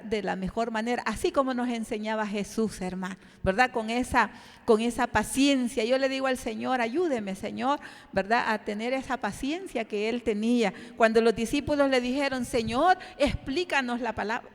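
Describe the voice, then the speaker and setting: A middle-aged woman teaches a church Bible study, halting and repeating words and often tagging her sentences with a question. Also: a little high. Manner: halting, repeats words, constant "¿verdad?" tag. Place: church hall. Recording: reverberant church hall.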